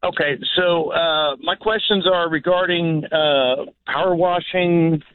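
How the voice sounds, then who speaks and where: A man's voice: a little high, fairly even intonation, slow, smooth. A man calling in over the phone to ask a radio show a question, hesitant and full of filler sounds. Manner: hesitant, many filler uhs. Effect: heard over the phone. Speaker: caller. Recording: tinny phone line.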